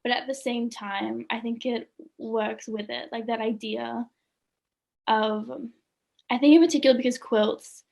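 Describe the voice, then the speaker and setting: Brief: young student artist, woman, higher voice, casual and chatty, laughs easily. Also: fairly even intonation, measured pace, creaky, darkish tone. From Australia. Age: young adult. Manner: chatty, many "like"s, laughs often. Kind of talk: casual interview chat.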